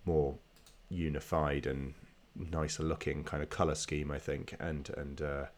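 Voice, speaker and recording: A man's voice: a bass voice, little pitch movement, unhurried. A man with a nasal, stuffed-up voice from a slight cold, talking casually as a podcast host.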